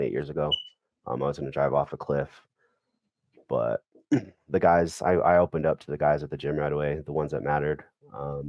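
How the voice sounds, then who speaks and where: Middle-aged man, very deep voice, dry close mic, relaxed podcast guest storyteller. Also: dry recording, highs cut off. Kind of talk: casual storytelling.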